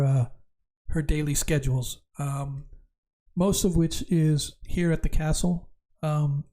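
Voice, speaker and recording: A man's voice: a little high, warm tone, close to an everyday voice. Man as a formal royal attendant. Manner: formal, halting. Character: dutiful royal attendant briefing hired guards.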